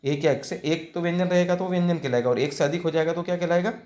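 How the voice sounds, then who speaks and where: A man teaching a children's grammar lesson, asking questions and answering them himself, spelling words out slowly and mixing in English words. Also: on the high side, fairly even intonation, darkish tone. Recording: echoey room.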